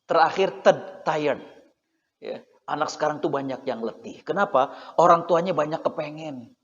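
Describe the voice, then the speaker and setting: Man, mosque lecture, playful storytelling, high voice, long hall echo. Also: moderate pace. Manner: chatty, humorous, acts out quoted parents and children, tags lines with "ya". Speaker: Islamic preacher. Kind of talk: lively religious lecture. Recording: muffled recording with long hall reverb.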